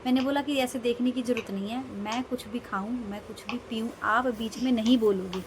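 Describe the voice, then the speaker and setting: A woman's voice: on the high side, steady tone, a little fast, noisy background. A young woman vlogging casually, telling a rambling, emphatic story about her day. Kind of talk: casual vlog monologue.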